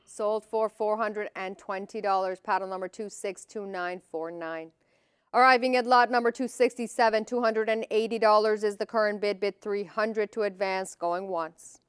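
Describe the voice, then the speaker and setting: A woman's voice: mid-range voice, steady tone, moderate pace, smooth, dry recording, studio quality. A woman working as an auctioneer, calling lots and bids in a formal, clipped, repetitive manner.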